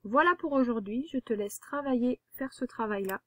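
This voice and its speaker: A woman's voice: on the high side, moderate pace, a bit bright, dry recording. A woman, a primary school teacher giving a patient, step-by-step handwriting lesson to a young child.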